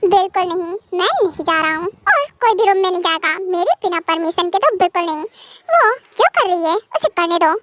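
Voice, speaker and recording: A woman's voice: very high voice, very animated, fairly quick, fairly bright tone, no room sound, pitched below the performer's own voice, heavily acted. A woman voicing a cold, rude young mafia man bent on revenge, in a fan audio drama with a curt, dismissive way of talking. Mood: scornful.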